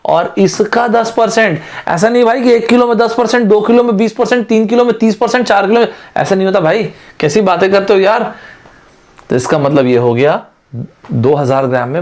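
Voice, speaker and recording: A man's voice: high-pitched, darkish tone. A man teaching aptitude in an online exam-prep lecture, chatty and friendly, often calling his students friends and mixing in English terms.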